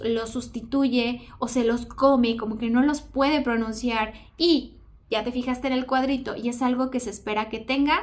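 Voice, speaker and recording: A woman's voice: on the high side, darkish tone. A woman speaking as a speech therapist, giving an educational explanation to parents in a didactic way with carefully enunciated examples. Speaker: speech therapist presenting a lesson.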